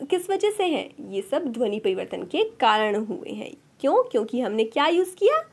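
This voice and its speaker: A woman teaching an exam-prep lecture, asking rhetorical questions and answering them herself. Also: high voice. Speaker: Sanskrit teacher.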